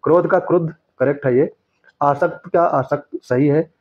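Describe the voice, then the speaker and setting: A man teaching, going through exam questions and correcting each answer step by step, repeating the right words slowly. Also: a little high, dry recording. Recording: dry, dull lo-fi sound.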